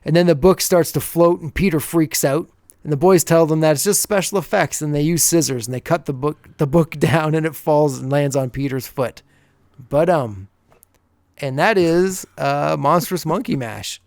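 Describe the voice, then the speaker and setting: A man's voice: fairly high pitch, normal speed, darkish tone, no room sound, clean studio sound. A man co-hosting a podcast, recapping an episode in a casual, chatty way and often chuckling as he goes. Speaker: podcast co-host.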